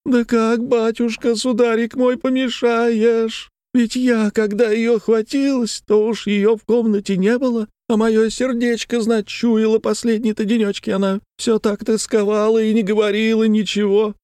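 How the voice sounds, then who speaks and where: A man voicing a tearful peasant maidservant woman who laments in a weepy, high, falsetto-like voice. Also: level tone, normal speed, few pauses, darkish tone, clear, resonant tone, no echo, clean studio sound, close to an everyday voice.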